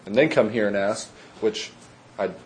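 A man presenting his case at a public meeting, measured and legalistic, with frequent hesitations. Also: lowish voice, poor audio. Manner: measured and legalistic, many "uh" fillers. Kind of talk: formal argument at a public meeting.

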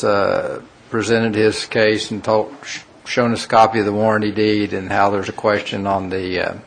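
A man's voice: on the low side, gravelly, a little hiss or hum. A man chairing a public commission meeting, pressing others for direct answers.

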